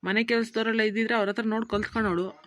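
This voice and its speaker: A woman's voice: on the high side, little pitch movement, rapid-fire, a bit bright, no room sound, clean studio sound, lightly acted. Woman playing a grumbling old politician father. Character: stern older male politician, father-in-law. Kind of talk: cartoon voice acting.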